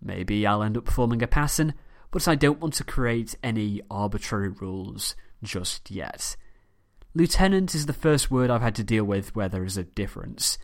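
British guy telling history, kinda low voice, steady reading with little chatty asides. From United Kingdom. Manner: measured storytelling with chatty personal asides. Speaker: history podcast host. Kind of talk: scripted history narration.

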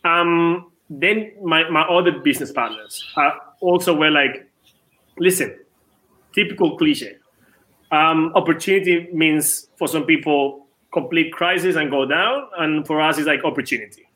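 Tennis club co-owner, male, late 30s, from Venezuela, ringing upper voice, quick with restarts. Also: fairly high pitch, bright, forceful tone. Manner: quick, repeats words at starts. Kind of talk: casual interview.

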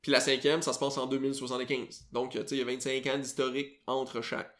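A man's voice: mid-range voice, little pitch movement, fast, a bit bright. A man with a Quebec French accent hosting a podcast, chatting casually and rambling with many fillers and self-corrections. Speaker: podcast host. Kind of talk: casual chat.

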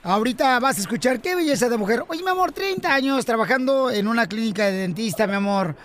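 A man's voice: extremely high pitch, expressive, quick pace, a bit bright, slight background noise. A man hosting a comedy radio show, teasing and flirting with guests. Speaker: radio host.

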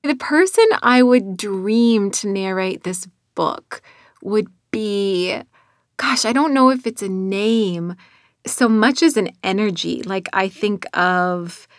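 A woman's voice: medium pitch, slow, no room sound, studio quality. A middle-aged woman with a North Dakota accent, speaking sincerely and reflectively in an interview about her own work as an author. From North Dakota, United States. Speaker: author and narrator of own audiobook.

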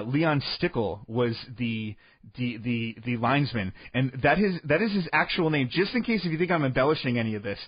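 A man telling a comic sports story in a deadpan way, full of absurd made-up details, rambling and restarting his sentences. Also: medium pitch, no room sound, muffled recording. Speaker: comedic storyteller.

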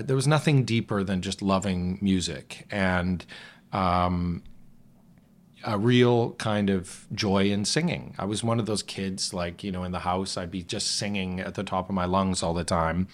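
Low-voiced man in reflective conversation. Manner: reflective, rambling, with frequent restarts. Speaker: guest, musical theatre actor. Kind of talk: casual conversation.

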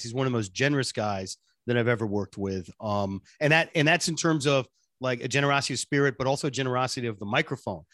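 Chatty man from Boston, plain low-key tone. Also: fairly bright tone, no room sound, studio quality. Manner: earnest, chatty storytelling with self-deprecating asides. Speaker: radio producer and sidekick guest. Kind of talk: casual interview chat.

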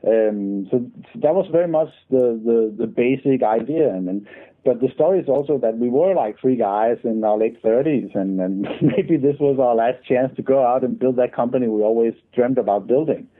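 A man's voice: mid-range voice, moderate pace. A man in his forties from Denmark, speaking English with a Danish accent, a guest in a casual interview who repeats "and" a lot. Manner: many repeated "and"s, restarts. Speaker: guest, company founder. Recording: tinny phone line.

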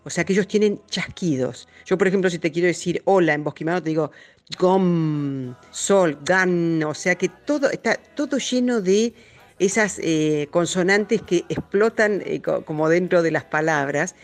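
A woman's voice: lowish voice, moderate pace. A woman, a musician and music educator answering interview questions in an earnest, explaining way.

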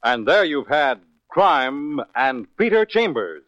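A man's voice: medium pitch, big pitch swings, takes it slowly, a bit bright. An American man in the formal, polished style of an old-time radio announcer, reading closing credits. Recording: dull old radio recording with music.

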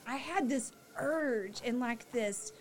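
A woman's voice: on the high side, takes it slowly, crowd noise. A woman chatting casually with a friend in a chatty, giggly way. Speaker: co-host of a chat.

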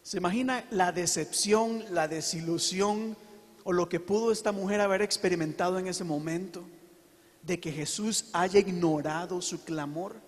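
A man preaching a sermon to his congregation, earnest and emphatic, with slow dramatic pauses. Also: sits high, long reverb tail. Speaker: pastor.

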